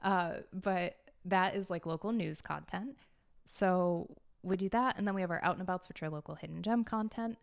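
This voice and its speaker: A young adult woman co-hosting a podcast in casual chat, excitable and chatty with quick asides. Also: fairly low pitch, gravelly, smooth, dry recording, studio quality. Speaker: podcast co-host.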